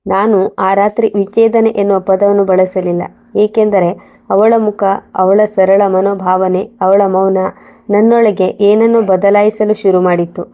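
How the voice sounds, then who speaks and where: A woman narrates a first-person moral story in an even, subdued reading voice. Her pitch stays flat throughout. The audio is dull and lo-fi.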